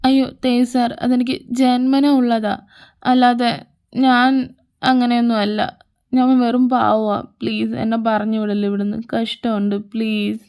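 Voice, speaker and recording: A woman's voice: on the high side, level tone, unhurried, a little mellow, clean tone. Woman voicing a whiny, cheeky young man. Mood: pleading. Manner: whiny and begging. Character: cheeky, pleading young man, the best friend. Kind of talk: fan audio drama.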